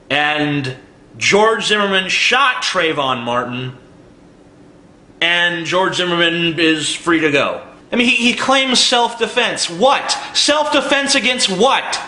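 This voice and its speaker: A man's voice: fairly high pitch, sharp tone, echoey room. A man in his twenties delivering an angry, profane commentary rant full of sarcastic rhetorical questions. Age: 20s. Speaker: video blogger.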